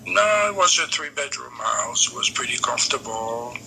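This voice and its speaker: A Morocco-born man in his seventies recalls his childhood for his grandson over a video call, unhurried and pausing often on "uh". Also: medium pitch, expressive, gravelly, bright, forceful tone, slight background noise, low-quality recording. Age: 70s. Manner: unhurried reminiscing, pauses often on "uh". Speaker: grandfather being interviewed. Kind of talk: remote family interview.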